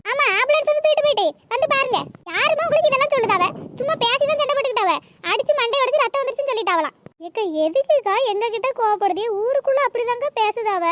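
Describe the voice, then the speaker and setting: A woman's voice: extremely high pitch, brisk, few pauses, noisy background. A woman voicing an argumentative village woman in a cartoon. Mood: arguing. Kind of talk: cartoon voice acting.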